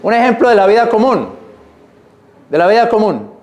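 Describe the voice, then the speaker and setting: A man preaching a sermon in church, reading scripture slowly and explaining it in plain, repetitive words. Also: high voice, sing-song, darkish tone. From Colombia. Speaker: pastor.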